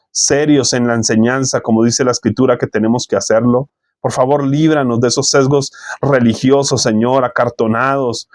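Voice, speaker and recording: A man leading a spoken prayer in earnest, measured phrases, often pausing to repeat "Lord" between clauses. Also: mid-range voice, darkish tone, no echo, clean studio sound.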